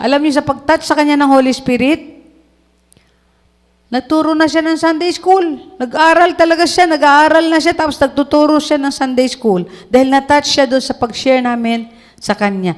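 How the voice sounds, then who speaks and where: A woman in her sixties giving an animated testimony sermon, telling stories and laughing as she preaches. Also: sits high, normal speed, long reverb tail. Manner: mixes Tagalog and English, animated storytelling with laughs.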